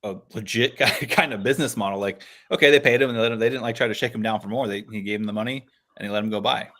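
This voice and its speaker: A man hosts a casual book club livestream in a loose, slangy way. His voice sits low. He talks easily about characters and plot threads. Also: racing, fairly bright tone. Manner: laid-back, says "dude" and "like" a lot. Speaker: livestream host. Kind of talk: casual online book discussion.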